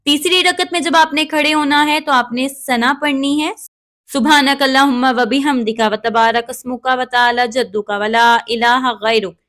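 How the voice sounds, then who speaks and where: A woman giving calm, measured step-by-step prayer instruction and reciting Arabic prayers along the way. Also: sits high. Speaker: religious instructor.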